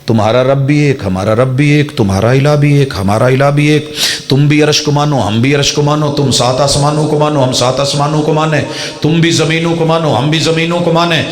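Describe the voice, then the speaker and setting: Man, middle-aged, fiery sermon, fairly high voice, dramatic swings to loud emphatic peaks. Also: steady tone. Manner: dramatic, mimics opponents' pleading then rises to loud emphatic peaks. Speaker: preacher. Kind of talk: fiery religious speech.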